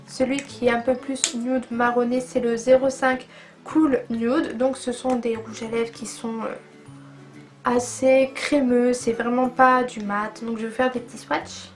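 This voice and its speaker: A woman's voice: on the high side, flat delivery, a little slow, faint music behind. A woman chatting enthusiastically in a casual beauty vlog, reviewing makeup products with plenty of fillers. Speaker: beauty vlogger.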